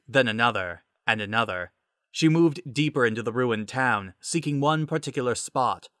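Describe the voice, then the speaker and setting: A man narrating a story as a scripted dramatic reading, in a measured, solemn storytelling manner. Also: mid-range voice, bright, forceful tone, no echo, clean studio sound.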